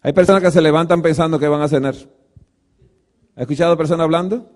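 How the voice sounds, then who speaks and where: High-voiced man preaching a lecture. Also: quick pace. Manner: animated, asks the audience rhetorical questions; acts out quoted dialogue. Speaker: guest lecturer at a church.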